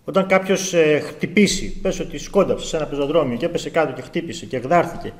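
A man's voice: on the high side, expressive. A man in his thirties preaching a sermon, acting out quoted speech with a raised voice.

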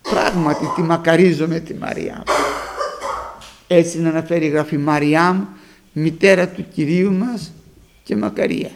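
A man preaching a sermon, emphatic, rising to high loud peaks as he addresses the congregation. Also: steady tone, vocal fry, long pauses, slight background noise.

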